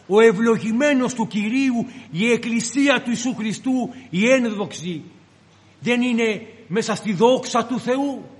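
A man preaching a sermon, retelling scripture as dramatic storytelling with acted-out voices. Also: very high-pitched. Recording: long reverb of a large hall.

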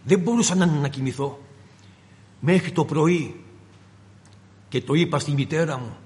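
A man preaching a sermon in a meeting hall, telling a personal story with dramatic pauses and repetition. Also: on the high side, darkish tone. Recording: long reverb in a hall.

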